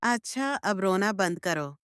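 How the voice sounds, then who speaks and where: A woman voicing a kind, puzzled middle-aged mother-in-law in a cartoon story who speaks gently and affectionately. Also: mid-range voice, expressive, takes it slowly, clean tone, dry recording, clean studio sound. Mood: gentle.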